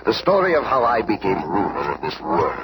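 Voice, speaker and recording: A gravelly gloating supervillain. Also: male voice, deep voice, wildly swooping pitch, fairly quick, full character voice. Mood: storytelling. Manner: theatrical, sneering. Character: arrogant scheming male supervillain ruler. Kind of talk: 1970s radio drama acting. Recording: hissy old radio recording.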